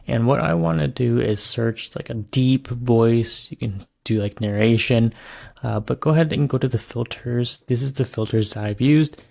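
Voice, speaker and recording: A man hosting a casual software tutorial, talking in a loose, chatty way with filler words. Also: medium pitch, normal speed, creaky. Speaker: tutorial host.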